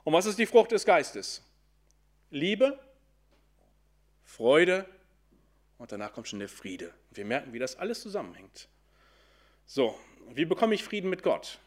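Fairly high in pitch and sing-song, a man's voice carries a sermon to the congregation. He answers his own questions and slows down each time he quotes scripture.

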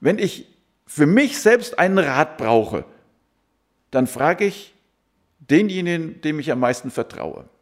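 Lively male preacher with a raised voice. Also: fairly high pitch, slow pace, long pauses. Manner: lively, asks the listeners rhetorical questions. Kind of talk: sermon.

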